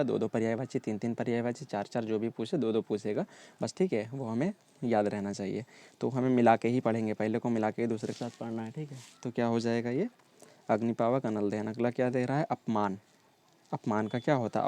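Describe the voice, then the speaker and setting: A man teaches an exam-prep lesson in a mellow, darker voice. His pitch sits at an ordinary middle level. He drills synonyms and idioms by repeating them in lists, checking in with his students again and again. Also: no echo. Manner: repetitive drilling, frequent "ठीक है" check-ins.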